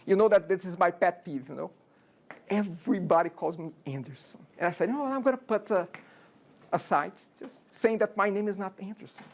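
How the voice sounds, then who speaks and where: A man in his forties from Brazil teaches programming at a university in a relaxed lecture, regularly checking in with "okay?" and rhetorical questions. His high voice carries lively intonation at a normal pace, colored by a Brazilian accent.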